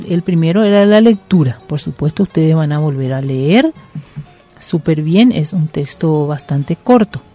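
Woman, teacher, patient, coaxing, warm low voice, faint background music. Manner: patient, coaxing, repeats "¿sí?" and "entonces". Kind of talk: slow classroom lesson with a read-aloud story.

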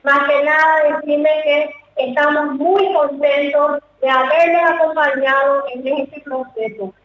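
A woman's voice: high voice, flat delivery, measured pace. A woman giving a formal, emphatic speech at a ceremony in a theater, heard from a distance. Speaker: vice minister giving a speech. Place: theater auditorium. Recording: echoey hall, far from mic, dull.

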